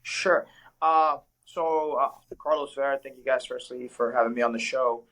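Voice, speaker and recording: This low-quality clip features a young man from Ecuador, a guest who fights professionally in mixed martial arts. His medium-pitched, fairly bright voice keeps a fairly even intonation at normal speed as he reflects earnestly on interview questions, often using fillers.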